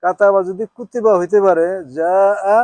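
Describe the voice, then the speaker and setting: A high-voiced Quran teacher leads an informal class at a moderate pace, his tone somewhat dark and the recording free of room sound. He checks in with students, often asking "হ্যাঁ?", switches between Bengali and English, and spells Arabic out.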